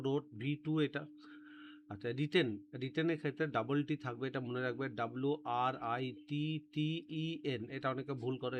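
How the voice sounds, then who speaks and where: A man's voice: medium pitch, slight background noise. Man teaching grammar, drilling words. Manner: explains step by step, repeats words and spellings for drilling. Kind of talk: classroom-style grammar lesson.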